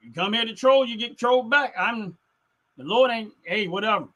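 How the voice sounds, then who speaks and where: Speaking at an ordinary pace in a very high, fairly bright voice, a middle-aged livestream host reacts to chat. He's casual but opinionated, hammering points by repeating himself.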